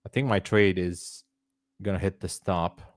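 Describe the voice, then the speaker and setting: A man's voice: low-pitched, a little slow, dry recording, clean studio sound. A man from Hungary hosting a live trading stream, chatting casually, laughing often and thinking aloud. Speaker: livestream trading host.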